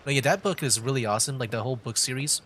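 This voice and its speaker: Game music plays as a young man chats loosely through his live stream, faltering, wandering, and repeating words. He talks rapid-fire in a medium, fairly bright voice, and there's a little hiss or hum.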